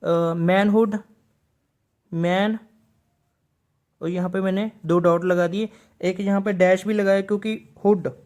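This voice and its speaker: A man's voice: high voice, fairly even intonation, slow, long pauses, a little mellow. A man teaching a shorthand video lesson. He explains patiently and says each example word twice.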